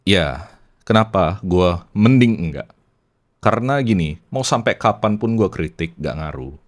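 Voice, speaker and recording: Low-voiced young man with a Medan accent. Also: unhurried. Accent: Medan Indonesian. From Medan, Indonesia. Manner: relaxed, chatty, mixes in English phrases. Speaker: podcast host. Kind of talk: casual reflective monologue.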